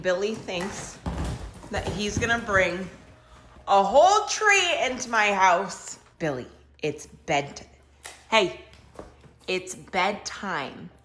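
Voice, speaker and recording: A woman's voice: on the low side, big pitch swings, takes it slowly, long pauses, fairly bright tone, slight background noise. A young adult woman vlogging in a chatty, blunt way, swearing freely. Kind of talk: casual vlog chat.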